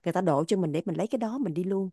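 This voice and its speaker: Woman with a mellow, dry voice. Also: fairly low pitch, racing, no echo. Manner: earnest, repetitive, stressing words. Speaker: religious teacher explaining poems. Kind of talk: explanatory spiritual talk.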